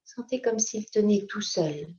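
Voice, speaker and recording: A yoga teacher, a woman of medium pitch, guides a slow yoga nidra meditation. She instructs gently in short phrases, calm and never rushed, and the audio is dull and lo-fi.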